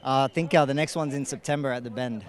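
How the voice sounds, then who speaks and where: A man who just won the race, answering interview questions in a halting, tired way outdoors. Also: medium pitch. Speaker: winning race driver. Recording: outdoor interview with loud track noise.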